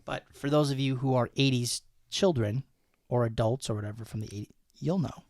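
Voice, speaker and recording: A man's voice: mid-range voice, fairly quick, darkish tone, no echo. A man in his thirties hosting a casual podcast, laughing often as he reads slang definitions with jokey examples. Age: 30s. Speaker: podcast host.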